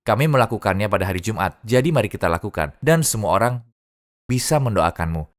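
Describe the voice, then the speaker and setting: A man's voice: lowish voice, expressive, quick pace. A man earnestly telling his own conversion story in a dubbed first-person testimony.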